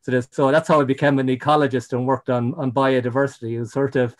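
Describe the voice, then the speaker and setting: A man's voice: mid-range voice, flat delivery, fast. An Irish man, middle-aged, telling his story in a casual interview, rambling with many restarts and "you know". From Ireland. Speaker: guest, ecologist.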